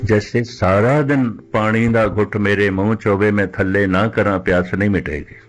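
An older man giving a measured religious discourse, repeating phrases and slowing down to recite scripture. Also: lowish voice, steady tone, soft background music. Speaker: Sikh preacher giving katha.

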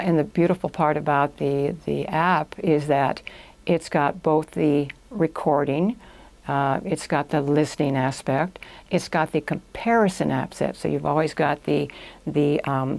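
Low-pitched, creaky, and a little mellow, this older woman's voice belongs to a language institute owner of about 60 to 79. She is a guest in a studio interview held in a small indoor podcast studio. Her answers are conversational and explanatory, proceeding step by step.

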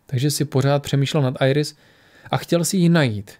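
A man voicing a young man who asks soft, skeptical questions in an audiobook. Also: medium pitch, natural voice. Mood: questioning.

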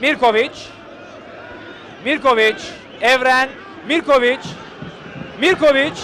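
A man giving live football play-by-play in clipped phrases, calling out players' names and shouting excitedly at chances. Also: extremely high pitch, takes it slowly. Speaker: football commentator. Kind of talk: live play-by-play match commentary. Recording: loud crowd and noise behind. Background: stadium crowd.

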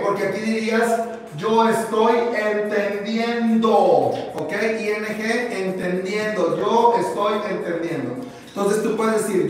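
In this live online English lesson, the teacher, a high-voiced man, sounds cheerful and supportive, switching between Spanish and English and easing his pace for dictation. The audio is echoey, from a hall, with the mic distant and music in the background.

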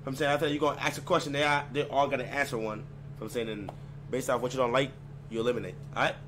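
This fast-talking man, with a medium-pitched, flat voice, casually hosts a dating game on a group stream call. He issues commands in slang, saying "bet" and "I'm saying" again and again, and the audio is noisy with a hum.

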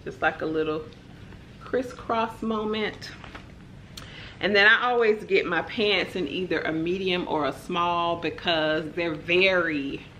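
A woman's voice: on the low side, slight background noise. Chatty young woman doing a haul. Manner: chatty, relaxed, lots of "like" and "y'all". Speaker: vlogger. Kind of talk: casual haul chat to camera.

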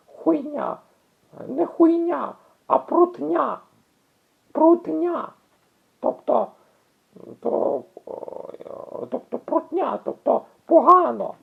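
A woman explaining word usage in a casual video, halting often with restarts and drawn-out fillers. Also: high voice, creaky. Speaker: language explainer. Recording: tinny phone-like audio.

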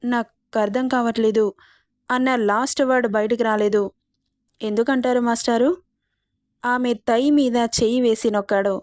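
A woman's voice: a little high, steady tone, normal speed, a little mellow, dry recording. Woman narrating a romance, dry sound. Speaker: storyteller.

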